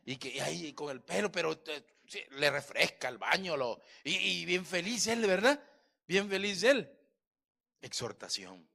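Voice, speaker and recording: A middle-aged male pastor preaching a sermon in church, swinging between loud exhortation and soft, chatty asides. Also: a little high, very animated, a little slow, gravelly.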